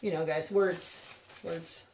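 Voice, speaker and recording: A woman's voice: deep voice, fairly even intonation, takes it slowly, darkish tone, echoey room, a little hiss or hum. A woman hosting a live crafting demo from her home craft room, chatting and rambling with viewers as she works with her hands. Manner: chatty, rambling, giggly, talks while working with her hands. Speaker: craft video host.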